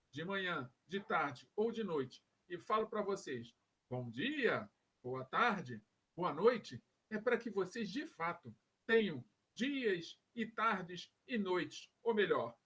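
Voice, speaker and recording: Lively, husky Brazilian teacher. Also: male voice, sits high. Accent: Rio de Janeiro Portuguese. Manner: animated, playful, motivational. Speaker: philosophy teacher. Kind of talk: recorded class lesson.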